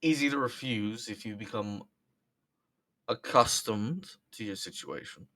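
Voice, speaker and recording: A man voicing a generous, commanding male ship captain who speaks loudly and declares things in a tabletop game. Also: lowish voice, measured pace. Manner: loud and declarative.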